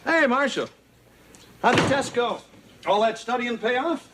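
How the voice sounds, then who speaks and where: A man's voice: extremely high pitch, lively intonation, a little slow. An actor playing a sarcastic, grumbling middle-aged father in a sitcom. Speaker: father of the family. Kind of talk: sitcom acting. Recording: noisy TV sound with studio laughter.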